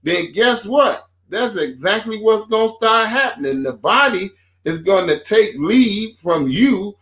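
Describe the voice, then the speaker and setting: A man with a high voice talks about faith in a relaxed, preaching way. He speaks slowly and circles back to his points with phrases like "see" and "so remember." He sounds like a co-host on a homespun talk show. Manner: informal, builds points slowly with repeated phrases.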